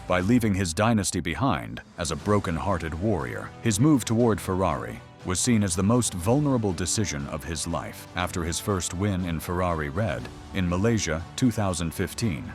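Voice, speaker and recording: A deep-voiced man delivers scripted documentary narration with a dramatic, teasing edge. His pitch swings widely as he tells the story, and soft music sits under his voice. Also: lively intonation, normal speed, hardly any pauses.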